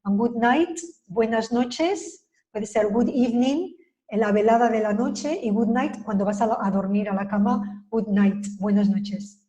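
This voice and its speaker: A woman whose first language is Spanish, giving a casual language lesson and slowly repeating English phrases to show how they are pronounced. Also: on the high side, warm tone, low-quality recording. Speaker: language teacher.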